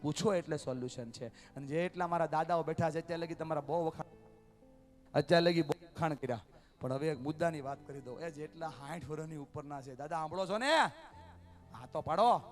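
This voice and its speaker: A man giving a motivational talk to a family gathering, calling out to the crowd for answers and swinging from loud to hushed. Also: on the high side, brisk, soft background music. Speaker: motivational speaker. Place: outdoor family event at night.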